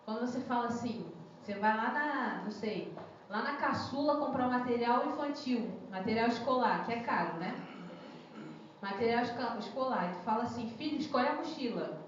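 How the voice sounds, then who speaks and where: A woman's voice: fairly high pitch, moderate pace, a little hiss or hum. A young woman preaching a sermon in a church, chatty and full of questions to the congregation. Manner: conversational, asks the congregation questions. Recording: echoey church hall, muffled lo-fi sound.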